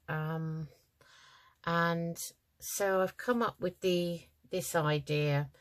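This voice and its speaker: A middle-aged woman hosting a craft channel, talking casually and hesitantly through her project with many ums, tired and yawning. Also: on the low side. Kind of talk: casual crafting tutorial chat.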